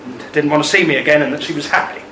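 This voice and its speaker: A man rattles off his lines in a slightly high, pushed and bright voice, portraying an older ex-soldier husband haunted and embittered by a love he lost, with halting emotion. The amateur radio play recording is roomy and distant, with faint noise.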